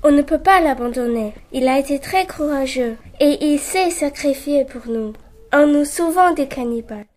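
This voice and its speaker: A woman's voice: sits high, animated, moderate pace, darkish tone. Woman doing an earnest loyal young girl. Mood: pleading.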